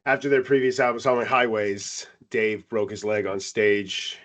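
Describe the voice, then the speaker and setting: Man, podcast co-host, casual music review chat, lively storytelling voice, mid pitch. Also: unhurried. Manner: animated storytelling with big pitch jumps.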